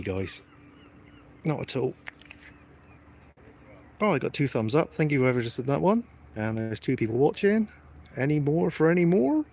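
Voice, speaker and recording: A man with a gravelly, creaky voice holds his phone out by the waterside and banters with his live viewers. His pitch sits in a middling range for a man. He talks in a loose, cheeky, self-deprecating way. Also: a little mellow, a little hiss or hum. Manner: cheeky, joking, self-mocking. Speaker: live-stream host. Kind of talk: casual live-stream chat. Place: outdoors by the water. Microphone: phone held in hand.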